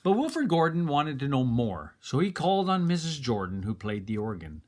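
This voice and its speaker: In an expressive narrating style, a man reads a children's story aloud as a storybook reader. His voice sits in the mid range and he keeps a moderate pace.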